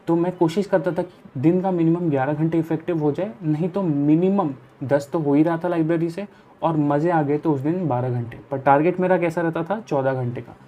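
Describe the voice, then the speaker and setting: A man's voice: a little high, dark tone. A young man from India talking casually in an easygoing, explanatory way, giving study advice straight to the viewer in a vlog. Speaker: chartered accountancy student and study vlogger.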